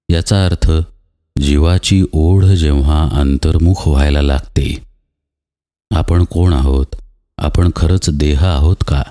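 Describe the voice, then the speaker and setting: Man, spiritual discourse, deep bass voice, mellow tone, patient explaining, long hall reverb. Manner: patient explaining with everyday examples and rhetorical questions. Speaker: spiritual teacher.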